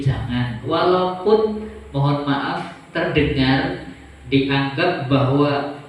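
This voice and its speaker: A man giving religious advice to boarding school students, slow and measured with pauses and gentle humour. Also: mid-range voice, slight background noise. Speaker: Islamic boarding school teacher. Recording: very echoey hall, voice from far off.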